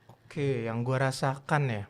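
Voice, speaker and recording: A man, a guest telling about his content in a relaxed, earnest, slangy way. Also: medium pitch, slow pace, smooth. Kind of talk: casual interview chat.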